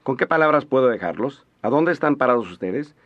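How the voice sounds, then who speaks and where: A man interpreting a sermon in a steady, measured voice-over. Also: mid-range voice. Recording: dull lo-fi audio.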